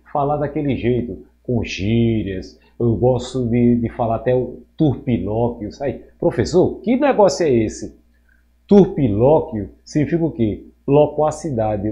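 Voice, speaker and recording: Joking Portuguese teacher, mellow muffled voice. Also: male voice, mid-range voice. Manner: lively and joking, acting out quoted voices. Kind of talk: recorded school lesson.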